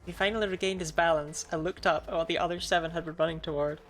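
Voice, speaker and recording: A woman's voice: lowish voice, fairly even intonation, fast, soft background music, low-quality recording. A woman streamer reading scripted story narration aloud during a game playthrough.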